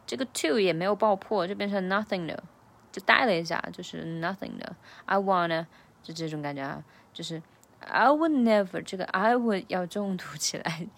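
A woman giving a casual English pronunciation lesson, explaining sounds patiently and repeating phrases slowly. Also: on the low side, vocal fry.

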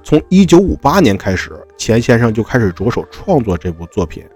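Husky-voiced man telling stories. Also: medium pitch, big pitch swings, brisk, a little mellow, soft background music. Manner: colloquial, chatty. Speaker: podcast host. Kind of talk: casual storytelling narration.

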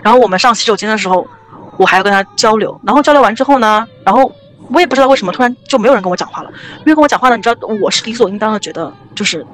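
Fast-talking young woman telling a ghost story. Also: on the high side. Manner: rambling, animated, many restarts. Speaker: podcast guest storyteller.

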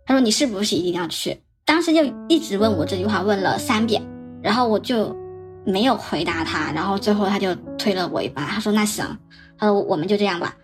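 A young woman telling her own story on a podcast, halting and often repeating words as she recounts past conversations. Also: mid-range voice, lively intonation, over music. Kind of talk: personal storytelling.

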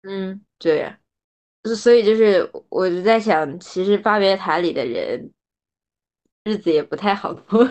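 Woman co-host, casual podcast talk, animated with examples, laughs easily. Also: mid-range voice, a little slow, highs cut off. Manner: lively, gives examples and laughs often. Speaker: former translation student. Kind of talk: casual book-club chat.

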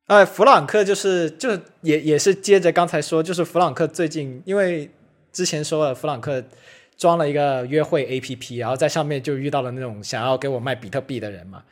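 A man's voice: fairly high pitch, a little fast, soft background music. A man co-hosting a casual podcast chat, who refers to himself by his own name and laughs as he tells stories. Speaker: podcast co-host.

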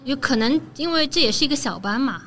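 Chatty higher-voiced woman podcast guest. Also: lively intonation, quick pace, fairly bright tone. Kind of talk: casual podcast conversation.

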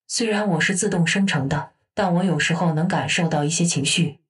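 A woman voicing a calm female AI voice assistant who talks in an even, matter-of-fact way. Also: on the low side, brisk, recorded from a distance, close to an everyday voice. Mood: wistful.

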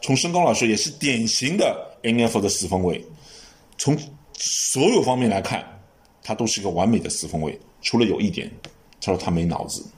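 A man hosting a casual sports podcast chat, giving long lively explanations with frequent restarts. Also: fairly low pitch, brisk. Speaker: podcast host.

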